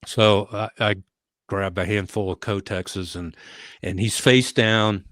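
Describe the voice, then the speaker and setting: Older man, low voice, dry close podcast sound, rambling storyteller with uh fillers. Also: slow pace, no echo. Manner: animated storyteller with frequent uh fillers and restarts. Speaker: retired police leader, podcast guest. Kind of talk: conversational storytelling.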